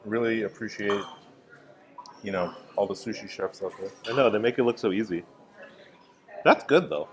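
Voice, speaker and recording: A man's voice: on the low side, normal speed, long pauses. A man hosting a casual travel vlog, joking and laughing often as he chats. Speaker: vlog host. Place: cruise ship cooking class and bar. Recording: busy crowd chatter behind.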